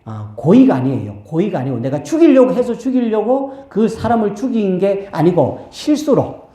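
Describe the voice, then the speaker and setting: A man preaching a sermon as a pastor, telling a Bible story in an animated way and acting out its voices, recorded in a church. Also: sits high, moderate pace. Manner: animated, acts out the quotes in the story. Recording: echoey church hall.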